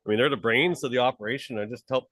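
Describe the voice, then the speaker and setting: A man's voice: medium pitch, very fast, fairly bright tone, dry recording, low-quality recording. A man from Pittsburgh, the conference chair, chatting in a live interview with an upbeat, enthusiastic, rambling manner. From Pittsburgh, USA. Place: conference hall table.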